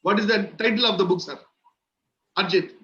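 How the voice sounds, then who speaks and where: Male session leader, Indian accent, high voice, encouraging and repetitive, on a muffled call. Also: normal speed, sharp tone. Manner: encouraging, repeats phrases. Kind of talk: interactive online teaching. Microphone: video call. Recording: muffled online call audio, faint noise.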